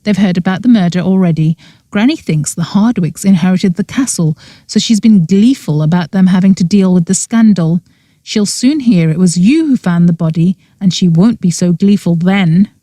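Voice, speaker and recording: A sensible, insistent young witch, played by a woman narrator in a cozy mystery audiobook. She speaks firmly and earnestly in a mellow voice, recorded dry. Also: fairly low pitch, moderate pace, no echo, close to an everyday voice. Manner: firm, earnest.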